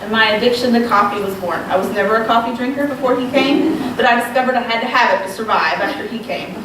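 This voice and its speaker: Speaking at a women's retreat, this thirtysomething from Southwest Virginia has a slight Southern accent and keeps things conversational and self-deprecating, with plenty of ums. Her voice is a little high and fast. It was recorded from a distance in a large room, so it sounds very echoey and noisy.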